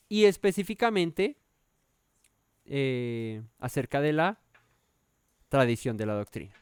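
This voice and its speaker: A man's voice: on the high side, clear, resonant tone, no room sound, studio quality. A man teaching a verse-by-verse Bible study, thinking aloud with many fillers and self-corrections and often checking in with his listeners.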